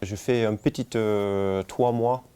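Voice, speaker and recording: A winemaker in his forties from Kentucky, a native English speaker with an American accent, tells his life story in a relaxed documentary interview. He speaks haltingly and searches for words, with a lowish, fairly even voice that is warm, clear, and resonant.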